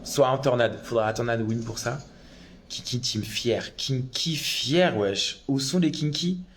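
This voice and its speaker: A man's voice: mid-range voice, a little slow. Chatty man on a phone live stream. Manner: chatty and excitable, with bursts of loud exclamations. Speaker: drag performer on a live stream. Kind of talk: casual live-stream chat reading viewer comments.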